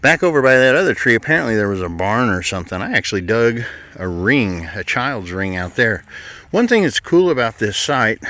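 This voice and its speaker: A man's voice: on the low side, sharp tone. A middle-aged man, chatting casually while walking through woods and fields for his vlog, folksy and easygoing. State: out of breath at times. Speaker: vlogger. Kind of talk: casual hiking vlog narration.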